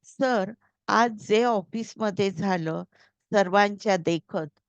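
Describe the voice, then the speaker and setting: A woman's voice: mid-range voice, slow, no echo. A woman reading as an eager young office worker. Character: young man, excited, talkative office worker. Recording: slightly dull, dry recording.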